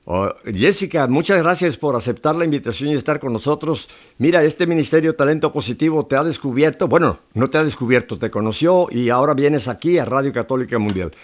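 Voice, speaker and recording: A middle-aged male radio host from Mexico, talking in a relaxed and confiding way. His voice sits at an ordinary pitch, and he fills his chat with small pauses and fillers.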